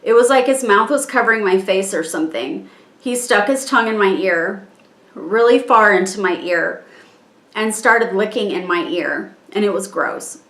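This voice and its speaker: A woman's voice: medium pitch, lively intonation, fairly bright tone. Woman reading aloud, echoey room. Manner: measured, halting reading with pauses. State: strained, struggling to keep composure. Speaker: person reading her own statement. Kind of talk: reading a written statement aloud.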